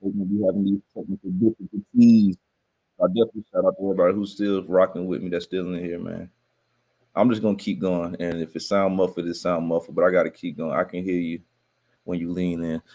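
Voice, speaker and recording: Low mellow dude rambling on a livestream, sound all muffled like through a wall. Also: male voice, no echo. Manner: laid-back, rambling, talks straight to his viewers. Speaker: livestream host. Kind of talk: casual livestream chat. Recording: dull, muffled livestream audio.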